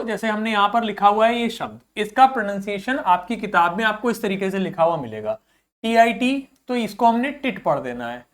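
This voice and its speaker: A man teaching a vocabulary lesson, repeating each word several times slowly for learners and mixing English into his Hindi instruction. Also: sits high. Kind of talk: vocabulary lesson with pronunciation drills.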